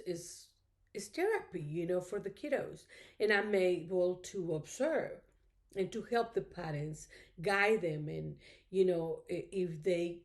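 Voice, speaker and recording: With a fairly low pitch and a darkish tone, a middle-aged woman who grew up speaking Spanish vlogs about crafts, chatting casually to her viewers. She rambles and sounds grateful, filling her talk with "you know."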